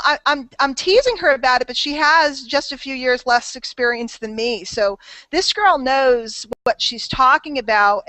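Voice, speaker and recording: A woman's voice: on the high side, pushed and bright, no room sound, low-quality recording. A woman hosting a casual group call, chatty, teasing and persuasive. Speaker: host of a marketing call.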